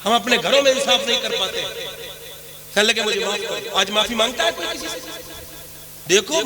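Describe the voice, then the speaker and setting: A man giving a storytelling sermon at a mosque gathering, animated, rising to shouts and acting out the voices in his stories. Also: extremely high pitch, roomy sound. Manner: animated, swings to shouts, acts out quoted voices. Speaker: religious speaker. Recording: live mosque crowd behind.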